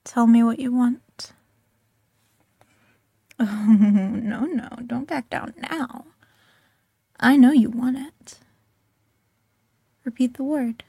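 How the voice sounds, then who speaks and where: A woman's voice: on the high side, steady tone, slow, creaky, pauses often, dark tone, slightly rough, no room sound. A woman performing a whispered audio roleplay close to the microphone, teasing and coaxing in a mostly whispered voice.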